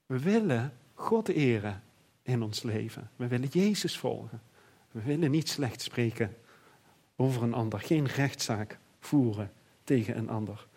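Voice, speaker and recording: Husky-voiced male preacher, earnest sermon. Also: mid-range voice, animated, a little slow, a little mellow. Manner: earnest, reflective, with many fillers and restarts.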